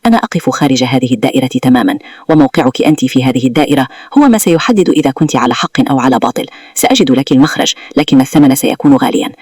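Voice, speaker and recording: A man voicing a cunning, cold-blooded lawyer who talks with smug, coolly mocking calm, in a storybook-style retelling. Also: medium pitch, very fast, husky, dry recording, studio quality, close to an everyday voice. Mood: smug, scheming.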